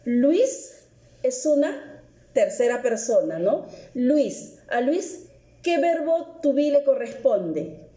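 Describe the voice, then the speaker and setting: A woman teaching an English lesson on video, speaking slowly and patiently and repeating each example, with a Peruvian Spanish accent. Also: sits high, big pitch swings, dark tone, echoey room.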